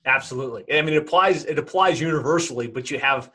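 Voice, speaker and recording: A man's voice: on the high side, fast, pushed and bright, low-quality recording. A man hosting a podcast interview, introducing his guest with plenty of fillers and repeated words. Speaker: podcast host.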